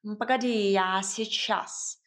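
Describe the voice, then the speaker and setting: A woman voicing a grumpy, bossy male talking cat in an audiobook, with a gruff, scolding drawl. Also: medium pitch, fairly even intonation, slow pace, close to an everyday voice. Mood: grumbling. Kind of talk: audiobook character voice.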